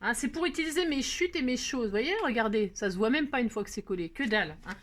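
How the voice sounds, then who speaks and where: A woman's voice: on the high side, lively intonation, fast. A woman hosting a card-making tutorial, talking casually and playfully to her viewers, narrating each step with little teasing asides. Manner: narrates her hands, frequent "hop" and filler words. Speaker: craft tutorial host.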